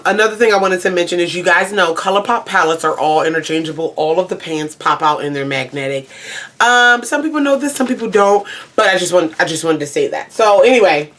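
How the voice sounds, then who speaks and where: A woman's voice: lowish voice, fairly quick, a bit bright. A woman giving a casual makeup review to camera, rambling and often doubling back to repeat herself. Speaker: beauty reviewer.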